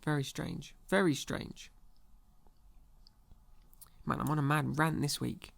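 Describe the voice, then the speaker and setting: A man's voice: a little high, slow pace, gravelly, fairly bright tone. A young man ranting casually and sarcastically as a podcast host, full of slang and exasperation. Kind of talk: casual comedic rant.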